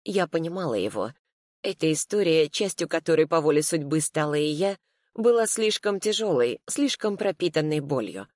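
A woman reading a first-person story aloud in a calm, reflective way. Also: sits low, normal speed, no room sound, studio quality. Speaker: audiobook narrator. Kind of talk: scripted first-person narration.

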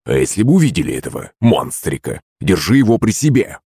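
A gruff, jovial old grandfather , put on by a male audiobook narrator, grumbles low and folksy. His voice sits deep and a little husky. He sounds like someone fond of a drink by the stove. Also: big pitch swings, brisk, mellow, no echo, clean studio sound, full character voice. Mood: grumbling.

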